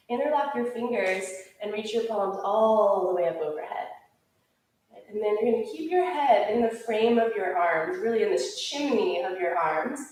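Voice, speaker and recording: A woman teaching a yoga class, calmly and steadily cueing breaths and movements. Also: mid-range voice. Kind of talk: guided yoga class instruction. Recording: echoey room, voice from far off.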